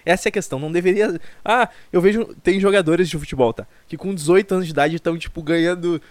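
Young man from Brazil, high voice, dry close sound, rambling self-mocking podcast monologue. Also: fast, no echo. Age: 20s. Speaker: podcast host. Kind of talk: solo comic podcast monologue.

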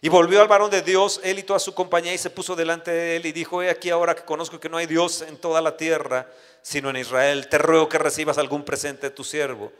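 A man's voice: on the high side, level tone, fast talker, fairly bright tone. A man preaching a sermon. He reads scripture aloud, then tells personal stories with many restarts. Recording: echoey hall with long reverb.

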